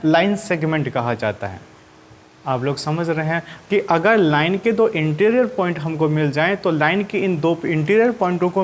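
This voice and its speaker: In a classroom lesson for children, a man with a high voice teaches maths in Hindi-accented speech. He asks questions and supplies the answers himself, keeps repeating his points and frequently addresses the class as "children." A little hiss or hum can be heard.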